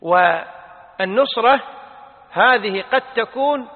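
A man's voice: very high voice, expressive, takes it slowly. A man, an Islamic scholar, giving a religious lesson and answering listeners' questions, stressing key points emphatically. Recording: tinny phone-like sound with long reverb.

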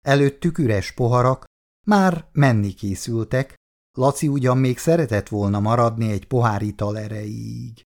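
Gravelly-voiced male narrator. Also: medium pitch, a little mellow. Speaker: reader. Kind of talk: audiobook narration of a novel.

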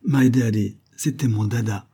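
A man voicing a lively, playful little girl with an English accent in an audiobook, raising his voice high and eager. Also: measured pace, husky.

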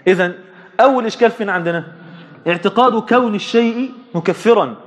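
Speaking with an Egyptian Arabic accent in a high voice, a man teaches a religious lesson. He poses questions to his listeners and answers them himself, drawing out key words slowly for emphasis.

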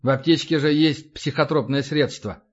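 A man's voice: on the high side, steady tone, normal speed, muffled recording, natural voice. A male narrator voicing a proud, shaken eastern ruler who speaks harshly and curtly. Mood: harsh, flat.

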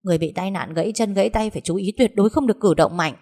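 A woman's voice: medium pitch, mellow, natural voice. A woman voicing a matter-of-fact hospital doctor giving instructions. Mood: businesslike. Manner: brisk, instructive.

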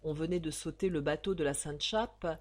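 A woman reading a serial novel aloud in a slow, expressive, dramatic way, lingering on emotional phrases. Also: sits low. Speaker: audiobook reader.

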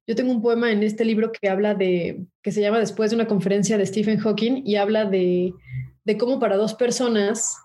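Thoughtful woman poet, mellow tone. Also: mid-range voice. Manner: thoughtful, explanatory. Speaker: poet and guest. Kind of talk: interview.

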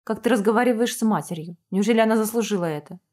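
A woman's voice: mid-range voice, rapid-fire, a little mellow, close to an everyday voice. Woman voicing a stern, scolding father. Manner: commanding, scolding. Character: stern, angry father, middle-aged man.

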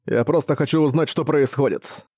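A man's voice: a little high, moderate pace, mellow, breathy edge, no room sound, clean studio sound. A man reading a blunt orc warrior. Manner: blunt, terse questions. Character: brutal orc warrior, male, gruff and weary.

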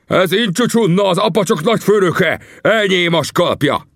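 A man voicing a fierce, scornful male chief in an audiobook, shouting threats. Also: sits high, lively intonation, dry recording, studio quality, pitched above the performer's own voice, full character voice. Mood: triumphant.

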